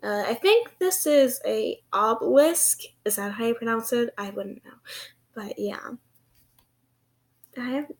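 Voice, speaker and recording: A woman's voice: a little high, unhurried, pauses often. A young woman with a lisp that turns s slushy, like sh, chatting casually in a hesitant, giggly, self-deprecating way for a vlog. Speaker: vlogger. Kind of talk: casual rambling vlog chat.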